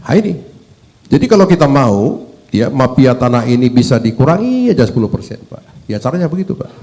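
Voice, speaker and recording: A man's voice: medium pitch, very animated, a little fast, warm tone. Emphatic man. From Medan, North Sumatra. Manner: emphatic, rhetorical questions, keeps addressing 'sir'. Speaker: parliament member at a hearing. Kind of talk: formal hearing address.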